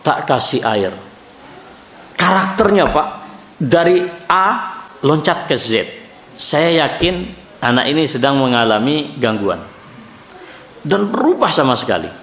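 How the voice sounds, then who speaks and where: A man's voice: medium pitch, sing-song, normal speed, long pauses, a bit bright. A man giving a storytelling sermon at a mosque study circle, talking straight to the congregation. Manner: storytelling, addresses audience as Pak and Bu. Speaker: Islamic preacher. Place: mosque auditorium. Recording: echoey hall with faint ambience.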